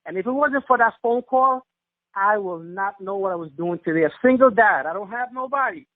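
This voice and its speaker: A man with a notably high voice speaks with fervent, almost preacher-like emphasis, giving an emotional testimonial. The sound is a tinny, dry phone line with no room around it. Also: brisk, dry recording. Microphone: telephone.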